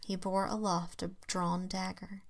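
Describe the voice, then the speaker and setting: A woman reads a classic tale in a hushed, breathy half-whisper. Her voice carries a gravelly fry, and her phrasing is slow and dramatic, with the odd stumble. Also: medium pitch, little pitch movement. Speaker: reader.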